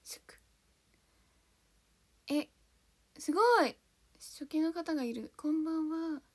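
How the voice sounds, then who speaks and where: Speaking slowly in a high voice, a young woman livestreams as an idol, casual, bubbly and full of giggles. One by one, she reads viewers' comments out and thanks them. She hails from Kanto, Japan, having been born in Hiroshima.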